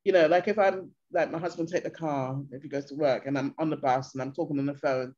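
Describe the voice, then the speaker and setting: A fast-talking older woman from England, her voice sitting low, chats casually as an interview guest over a video call. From her bright room at home she spins animated stories, slipping into the voices of locals. The call audio is dull and lo-fi.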